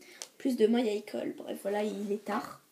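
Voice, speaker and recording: A teenage girl with a slightly hoarse voice casually shows off her clay creations, hesitating often with fillers and repeated words. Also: medium pitch, fairly even intonation, a little fast, background noise. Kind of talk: casual show-and-tell.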